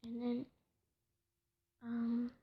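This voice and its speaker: A woman telling a home-made story casually, hesitant and soft, often slipping into whispers, with faint noise behind her. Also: a little high, completely flat delivery, extremely slow, husky, phone-quality sound.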